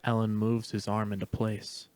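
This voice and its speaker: A man reads scripted stage directions in a fairly low, very even voice, sounding matter-of-fact. He speaks at normal speed, and the recording is dry with no room sound.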